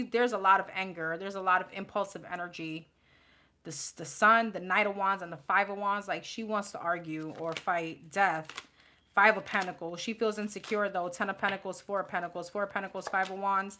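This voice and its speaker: Brief: woman, New York accent, live tarot reader, blunt and sassy, mid pitch, audible background noise. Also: pushed and bright. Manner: blunt, sassy, laughing and chatty.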